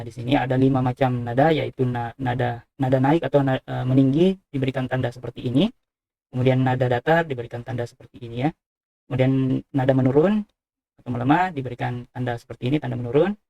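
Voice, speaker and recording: A man's voice: mid-range voice, vocal fry, dark tone, no echo, dull audio. A man giving a university lecture, explaining step by step with frequent "eh" fillers. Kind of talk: recorded lecture on speech sounds.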